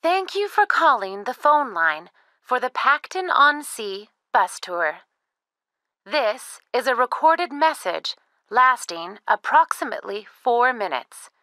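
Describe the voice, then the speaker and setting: A woman playing the announcer of a recorded phone message, giving scripted tourist information in a measured, informative way. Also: a little high, pushed and bright, dry recording, heavily acted. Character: female announcer of a tourist bus tour phone line.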